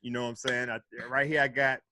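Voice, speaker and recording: A man's voice: medium pitch, little pitch movement, fast talker, pushed and bright, no room sound. A man guesting on a casual sports podcast, laid-back as he lays out his case point by point.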